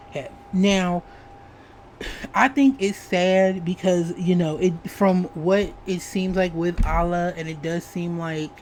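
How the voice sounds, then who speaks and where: A woman's voice: on the low side, a little hiss or hum, low-quality recording. A woman giving casual reaction commentary on a video channel, chatty and repetitive, hedging her opinions and calling the viewer "honey". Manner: chatty, repeats herself, hedges with "allegedly", says "honey". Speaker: commentary YouTuber.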